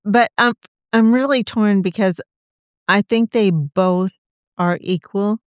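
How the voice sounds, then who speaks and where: A woman's voice: medium pitch, slow, dry recording, clean studio sound. A middle-aged woman with the hiccups, hesitantly giving her beer rankings in casual chat. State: has the hiccups.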